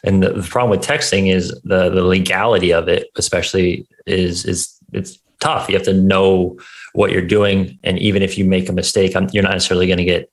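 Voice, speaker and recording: A man's voice: low voice, little pitch movement, a little fast. A man hosting an interview show, talking in an informal, conversational way. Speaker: show host. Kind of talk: casual interview chat.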